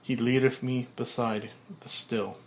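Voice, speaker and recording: A man voicing a mourner reciting a psalm at a grave in a low, quiet voice. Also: steady tone, measured pace, a little hiss or hum, close to an everyday voice. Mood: solemn.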